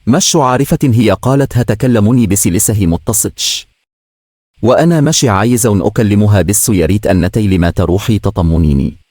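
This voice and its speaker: A man's voice: lowish voice, brisk, a little mellow, dry recording, clean studio sound, close to an everyday voice. A man reading a story aloud, voicing an anxious young woman with an Egyptian accent who delivers urgent news in a breathless way. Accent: Egyptian Arabic.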